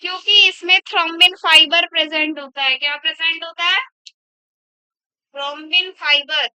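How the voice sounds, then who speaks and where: A woman's voice: very high voice, fairly even intonation, moderate pace, bright, forceful tone, no room sound. A woman biology teacher lecturing in a classroom, asking the class questions and repeating their answers back, in a dull lo-fi recording. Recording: dull lo-fi sound.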